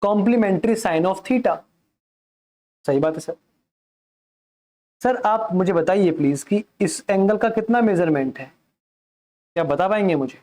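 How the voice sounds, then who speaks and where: A male math teacher lectures a class in Hindi mixed with English terms, repeatedly posing questions and answering them himself. His voice is high-pitched and a little mellow, at a measured pace.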